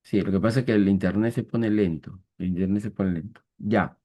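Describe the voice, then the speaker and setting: A man teaching an online math class on a video call. He speaks patiently, checks often that students follow, and counts through examples slowly, step by step. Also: fairly low pitch, warm tone. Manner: patient, repetitive, checks understanding with "¿ya?"; slow, deliberate step-by-step counting.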